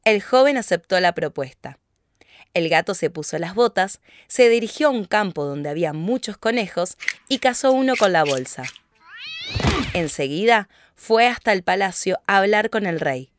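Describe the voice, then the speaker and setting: A woman narrating a children's fairy tale in a steady, clear telling. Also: medium pitch, normal speed. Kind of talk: storybook narration.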